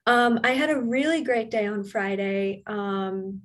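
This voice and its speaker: A woman's voice: mid-range voice, level tone, measured pace. Chatty young woman, acting out dialogue. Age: young adult. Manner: chatty, acts out dialogue with patients. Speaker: mental health specialist. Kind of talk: casual panel talk.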